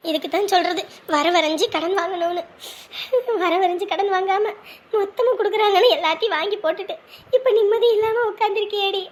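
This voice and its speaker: A woman playing a high-voiced scolding middle-aged mother. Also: a little fast. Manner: scolding, then soothing. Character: weary mother lecturing her indebted grown daughter. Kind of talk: family web drama acting.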